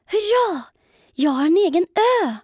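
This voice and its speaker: A woman voicing a small, lost boy spider from a children's storybook, calling out in a high, excited voice. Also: no room sound, clean studio sound.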